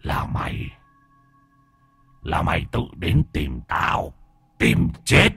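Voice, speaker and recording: A man voicing a cruel, vengeful male demon in a horror story, speaking in a low, menacing drawl. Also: big pitch swings, slow, gravelly, a bit bright, slightly rough, dry recording, faint music behind, exaggerated voice.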